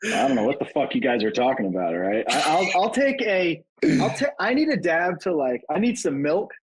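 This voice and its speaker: A man's voice: on the high side, very animated, brisk, a little hiss or hum. A man hosting a podcast, teasing his guests and swearing in casual chat. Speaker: podcast host.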